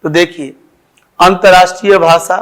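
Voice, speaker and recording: A man's voice: high-pitched, steady tone, normal speed, a bit bright. A male teacher explaining grammar to schoolchildren, repeating examples with emphasis.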